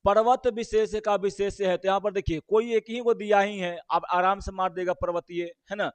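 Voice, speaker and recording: High-voiced tutor with a lilt. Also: male voice, fairly even intonation, moderate pace, smooth, no room sound. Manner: quizzing listeners with rhetorical questions. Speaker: teacher. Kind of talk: exam question walkthrough.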